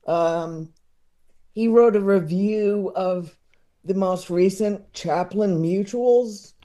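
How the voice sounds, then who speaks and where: This thirtysomething podcast guest, an expert on comedy, speaks slowly in a high, warm voice. In the casual conversation he rambles, repeating words as he works out what to say.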